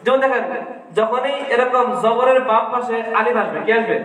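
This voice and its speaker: A high-pitched male teacher leads a Quran reading class and keeps asking his pupils questions that he answers himself. His voice rings through a large, echoey hall with a long reverb. He sounds as if he stands some distance from the microphone. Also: normal speed, fairly bright tone. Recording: echoey hall, far from the mic.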